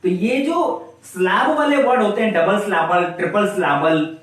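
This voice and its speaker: A man's voice: high-pitched, normal speed, fairly bright tone. A male teacher giving a classroom grammar lesson, asking the class questions and then answering them himself. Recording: very echoey room, voice from a distance.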